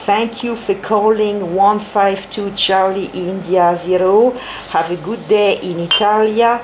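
A woman runs amateur radio contacts at a slow pace. She gives phonetic call signs and short signal reports, repeating each to confirm, with faint noise around her medium-pitched voice. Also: fairly even intonation, poor audio. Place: indoors at a desk with radio set.

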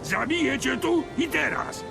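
An actor playing a self-righteous, zealous monster-hater in a video game, declaiming with theatrical indignation. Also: male voice, fairly high pitch, very animated, normal speed, creaky, over music. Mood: threatening, urgent. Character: self-righteous, zealous male monster-hating would-be hero.

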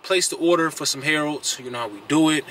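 A man in his thirties with a Chicago accent, chatting casually to the camera in a relaxed vlog from inside a car. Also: fairly high pitch, quick pace. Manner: relaxed, chatty, says "finna" and "you know". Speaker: vlogger. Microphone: camera on the dashboard. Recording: car interior with road noise.

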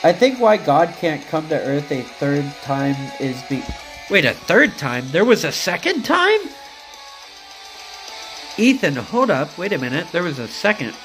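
A man's voice: on the high side, sing-song, unhurried, a bit bright, poor audio. A man chatting on a game stream, rambling and cursing as he answers his chat. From United States. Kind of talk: casual live-stream chat while gaming. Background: music.

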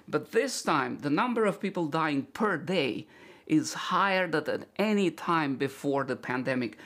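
Guy in his 40s from romania talking through charts at home, earnest and a bit wry, highish voice. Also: gravelly. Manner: earnest, explanatory, with wry asides. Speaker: doctor presenting health videos. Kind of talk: explanatory talk over screen share. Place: home room, indoors.

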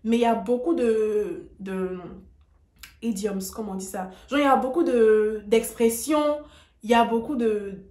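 A woman's voice: on the high side, measured pace, darkish tone, reverberant. A woman giving a casual video lesson, talking straight to her viewers in an emphatic, direct way. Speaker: English tutor on video.

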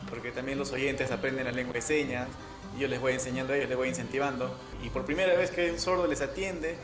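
A man speaking as a sign language interpreter in a calm, measured way. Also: mid-range voice. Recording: echoey room with music underneath.

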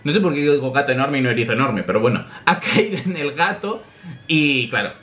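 A man, a manga reaction host talking in a chatty, animated way and laughing often. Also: medium pitch, a little fast, soft background music. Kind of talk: casual reaction commentary.

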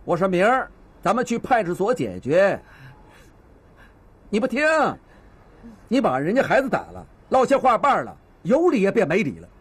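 A seasoned neighborhood police officer in his fifties, speaking with a Beijing accent. His voice is slightly husky and sits a bit high for a man. His pitch swings widely as he scolds, coaxes and lectures feuding neighbors in a TV drama. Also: wildly swooping pitch, moderate pace, pauses often, heavily acted. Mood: coaxing. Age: 50s. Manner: patient, lecturing mediator who scolds and coaxes. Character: seasoned middle-aged male beat cop, stern yet fatherly. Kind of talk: TV drama acting.

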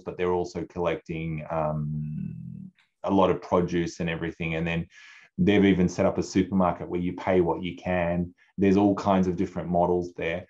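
A man in his forties, a food advocacy guest, talking casually and animatedly on a video call, acting out the people he quotes. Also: deep voice. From Australia. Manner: animated, acts out quoted people, many restarts. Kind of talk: casual conversational interview. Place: home office, indoors. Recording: dull lo-fi video call audio.

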